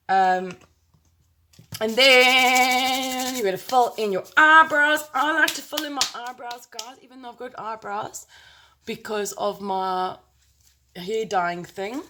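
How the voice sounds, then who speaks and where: A South African woman with a mid-range, slightly bright voice rambles through a casual makeup tutorial to camera, close to her phone. Her manner is chatty and playful, full of exclamations and sound words.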